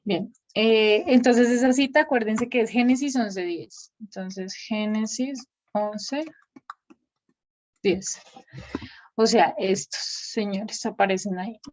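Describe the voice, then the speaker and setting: Over a video call, a woman runs a Bible class, thinking out loud as she types names onto a shared screen. Her voice sits a little high and moves slowly, with a darkish tone. The computer mic gives dull, lo-fi call audio with a slight hiss or hum.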